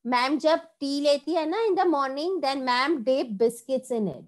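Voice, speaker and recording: A young woman with an Indian English accent teaching a kindergarten class online, explaining slowly and switching between Hindi and English. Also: high voice. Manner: slow, drawn-out explaining, mixing Hindi and English.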